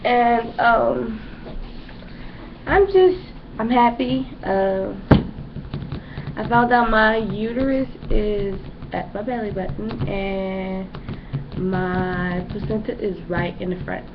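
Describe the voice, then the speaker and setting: In a mid-range voice and at a slow pace, a young pregnant vlogger chats casually about how her pregnancy is going. Her talk wanders and is full of fillers, captured in a dull, lo-fi home recording with noise behind her.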